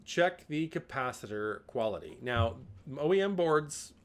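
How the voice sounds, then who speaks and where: Holding up parts indoors in front of a camera mic, a male tech host gives casual instructional talk on hardware, cracking jokes and swearing now and then. His voice sits on the high side and he takes his time, though he livens up and gets louder whenever a new tip begins.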